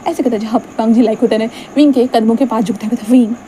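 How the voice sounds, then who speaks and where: Woman, casual fan-fiction narration, rapid pace, somewhat high voice, mixes in english words. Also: steady tone, warm tone, slight background noise, poor audio. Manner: chatty, mixes English words, acts out dialogue lightly.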